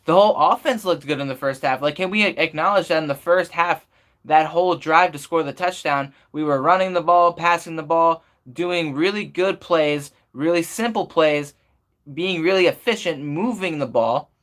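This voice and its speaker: Male sports fan streamer, voice a bit on the high side, unscripted commentary, frustrated and opinionated, hammers points by repeating them. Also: moderate pace, fairly bright tone. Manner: frustrated, opinionated venting with emphatic repetition.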